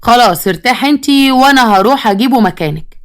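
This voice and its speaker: A woman's voice: fairly high pitch, lively intonation, fast, pitched above the performer's own voice, close to an everyday voice. A woman with an Egyptian accent voicing a stern, bossy village father who favors one daughter-in-law. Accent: Egyptian Arabic. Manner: commanding, scolding.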